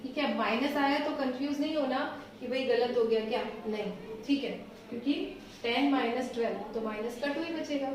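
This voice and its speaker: A woman math teacher explaining solutions step by step, patient and reassuring, slowing down as she writes. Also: sits high. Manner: patient, reassuring, slows down while writing. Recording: echoey room, voice from a distance.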